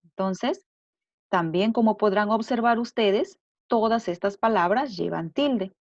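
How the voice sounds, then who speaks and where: Woman, teacher, grammar lesson, deliberate, repeats examples, lo-fi, dry room. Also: mid-range voice, no echo. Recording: dull lo-fi dry recording.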